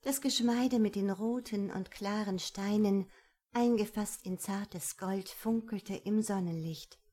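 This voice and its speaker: A woman reading a romance audiobook in a calm, measured, intimate manner. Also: medium pitch. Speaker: narrator. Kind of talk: scripted audiobook narration.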